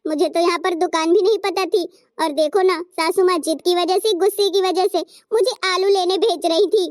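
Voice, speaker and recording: A patient, soft-spoken young daughter-in-law in a cartoon family drama, as a woman acts her out. She speaks very high and gently, giving advice. The recording is close and dry. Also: steady tone, normal speed, no echo. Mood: gentle. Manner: gentle, advising. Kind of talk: cartoon story voice acting.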